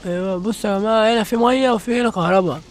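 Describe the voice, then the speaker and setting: A man's voice: sits high, rapid-fire. A young man with an Egyptian Arabic accent, giving jumpy let's-play commentary and exclaiming to his viewers as he plays. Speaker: gaming channel host.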